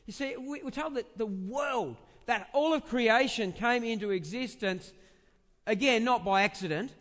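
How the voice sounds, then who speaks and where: A high, slightly bright voice belongs to this big-voiced man preaching as a pastor in a conversational way. Halting, emphatic repetitions and rhetorical questions shape his delivery, and the large church space lends a reverberant sound.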